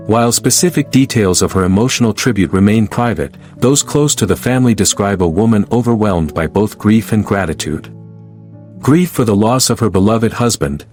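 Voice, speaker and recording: Low-voiced male narrator, solemn, over music. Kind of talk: scripted documentary tribute narration. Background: background music.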